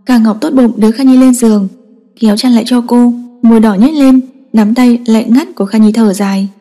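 A woman narrating a dramatic story in a steady, emotive reading. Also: on the high side, brisk. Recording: long echoing reverb.

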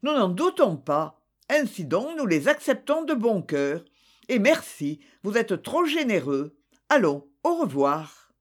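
A reader voicing a composed, gentle bourgeois mother who speaks in a measured, polite way in a storybook. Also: medium pitch, big pitch swings.

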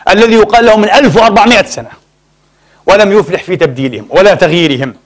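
A man preaching a Friday sermon, emphatic, firing off rhetorical questions and repeating phrases as he addresses the congregation as brothers. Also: high voice.

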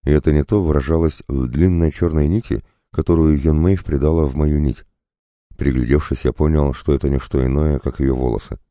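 A man narrating a fantasy audiobook in the first person, calm and steady. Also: a bass voice, brisk, no echo, clean studio sound.

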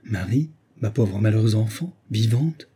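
A man doing a young soldier, stunned, exclaiming, husky dark voice, audiobook. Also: fairly low pitch, animated, a little slow, full character voice. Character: startled young soldier bridegroom.

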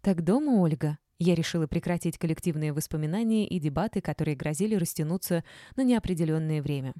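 A woman narrating a story in the first person, steady and matter-of-fact. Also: low-pitched, fast talker, dry recording, studio quality. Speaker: audiobook narrator.

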